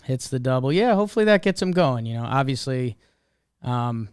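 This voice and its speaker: Laid-back man, smooth voice. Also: medium pitch, animated, fairly quick, no room sound, studio quality. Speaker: podcast co-host. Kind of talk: casual sports chat.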